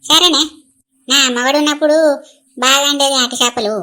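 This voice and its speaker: A woman voicing a tearful elderly widowed grandmother from a village, in a Telangana accent, loud and wailing. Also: high-pitched, fairly even intonation, moderate pace. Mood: mournful.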